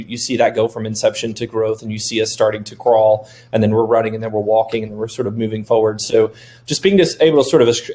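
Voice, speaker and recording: A man in his thirties speaks on a webinar panel with a mid-range pitch. He rambles a little, is candid, and jokes at his own expense. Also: a little mellow. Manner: candid, rambling, self-deprecating humor. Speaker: software developer, company founder. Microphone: video call.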